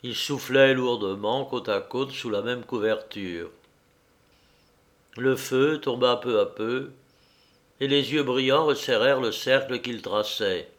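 A man reading a novel aloud in a measured, deliberate audiobook narration. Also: medium pitch.

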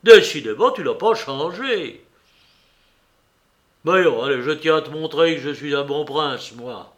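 A sneering blackmailer, his voice pitched up and loud as he jeers, pressing and relentless, as a man reading a novel aloud puts him on. The delivery is emphatic and mocking in a storybook reading. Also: expressive, unhurried. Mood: scheming. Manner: raised, jeering, emphatic.

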